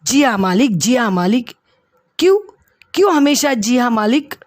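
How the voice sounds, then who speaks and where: A woman's voice: on the high side, lively intonation, normal speed, dry recording, clean studio sound, natural voice. A woman doing a stern, stingy householder. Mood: angry. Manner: sharp, questioning, indignant. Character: stern stingy male householder, scolding then kindly.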